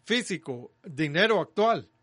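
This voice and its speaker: A man preaching a sermon, reading scripture aloud and breaking off for halting asides and restarts. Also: high-pitched, very animated, fairly bright tone. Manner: halting restarts between verses.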